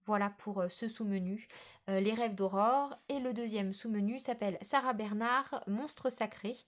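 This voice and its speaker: A woman's voice: medium pitch, moderate pace. A woman talking casually in a book vlog, often hesitating with filler sounds and restarts. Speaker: book vlogger.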